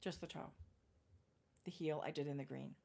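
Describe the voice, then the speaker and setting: A middle-aged woman chatting casually as a knitting podcast co-host, explaining her projects in detail with pauses and fillers. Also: deep voice, steady tone, vocal fry, warm tone. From Canada. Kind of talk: casual chat.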